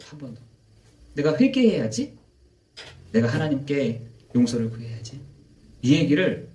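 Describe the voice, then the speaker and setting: A man's voice: fairly high pitch, reverberant, distant mic. A male pastor preaching a sermon. He throws rhetorical questions to the congregation and answers them himself, telling stories with heavy emphasis.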